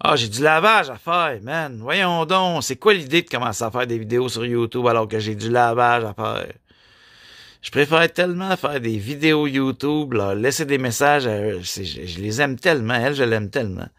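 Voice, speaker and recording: A man in his forties with a Québécois accent, rambling through a personal vlog in a flat, robot-like delivery, full of filler tags. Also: medium pitch, normal speed, dry recording, studio quality. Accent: Québécois French. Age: 40s. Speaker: YouTuber.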